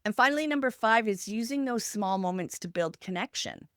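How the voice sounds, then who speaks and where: A woman co-hosts a podcast in a structured, instructional style, emphatically stressing points through short, parallel lists of examples. Her medium-pitched voice is lively and fairly quick, recorded in studio quality with no echo.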